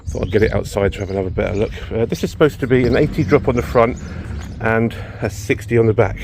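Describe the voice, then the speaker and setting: A man's voice: fairly low pitch, fast, vocal fry, noisy background. A man vlogging while working on his car in a home garage workshop, exasperated and swearing when things go wrong, a bit out of breath. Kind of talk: casual workshop vlog.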